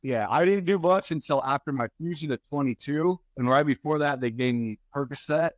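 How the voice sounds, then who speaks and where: A slightly high-voiced man in his forties, a guest author and speaker, is heard in a dry recording being candid in an interview. He speaks haltingly with many restarts, becoming animated when he gets into stories.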